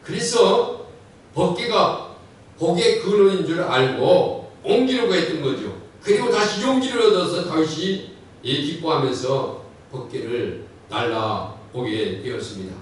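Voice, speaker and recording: A man preaching a sermon in a church, animated, acting out quoted voices as he speaks. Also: fairly high pitch, a little slow, slight background noise. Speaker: pastor. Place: church sanctuary. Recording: echoey church hall, mic far off.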